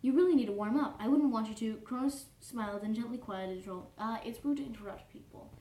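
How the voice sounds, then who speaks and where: Playing an easily offended young troll, a woman reads fanfiction out loud with prim, fussy formality, breaking off to fix mistakes and say sorry. She talks fast in a natural, fairly high voice that still sounds mellow and a little dark. It's captured from afar in a reverberant room with a faint hum of noise.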